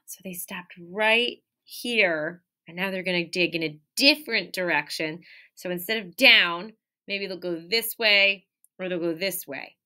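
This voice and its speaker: Inside a small room near a window, an elementary teacher in her thirties reads a picture book to young listeners a little slowly. Her lowish voice is expressive, bright and forceful, and she stresses key words, adds asides and asks the children questions in this animated read-aloud.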